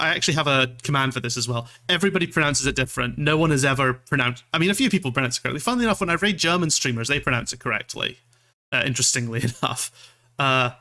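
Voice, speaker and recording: A male streamer from Scotland with a bright, forward voice at an average pitch. He chats casually to his viewers in a rambling, self-deprecating way and swears offhandedly. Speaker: streamer, VTuber. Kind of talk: casual livestream chat.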